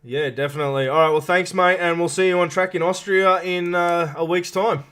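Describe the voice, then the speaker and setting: Clear, higher-voiced man hosting interviews. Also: steady tone, a bit bright. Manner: matey, informal, halting questions. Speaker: show host interviewer. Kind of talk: casual live interview hosting.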